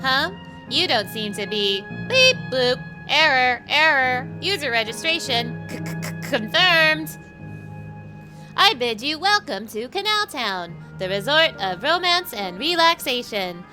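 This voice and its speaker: A woman's voice: sits high, very animated, slow pace, over music, full character voice. A woman voicing a malfunctioning robot sentry in a game, stuttering and beeping through errors. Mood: glitchy. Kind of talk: reading game dialogue aloud.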